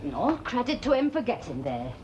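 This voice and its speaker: A woman's voice: a little high, very animated, normal speed, darkish tone, muffled recording. An actress playing a chatty, defensive mother from a mining village, proud of her son.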